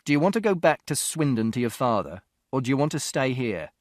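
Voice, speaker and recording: A man reading aloud who voices a calm, practical police officer asking questions matter-of-factly. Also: medium pitch, fast talker, no room sound, studio quality, natural voice. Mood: businesslike.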